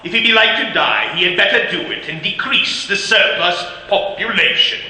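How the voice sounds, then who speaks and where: An actor voicing the giant Ghost of Christmas Present in a radio drama, speaking in slow, grave pronouncements. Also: male voice, high voice, bright, forceful tone. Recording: echoey hall with faint hiss.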